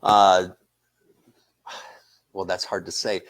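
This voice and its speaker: A middle-aged man from the northern United States with a Midwestern American accent, an English instructor calmly explaining in short, repeated points. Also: deep voice, slow pace. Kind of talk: casual conversation.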